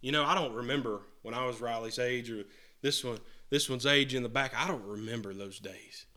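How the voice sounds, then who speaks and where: A man delivers a sermon in a church in a bright, forceful voice. He speaks earnestly, often repeating and restarting phrases, and swings between loud stretches and quiet ones. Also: medium pitch, a little fast. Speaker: pastor. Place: church hall with a congregation answering.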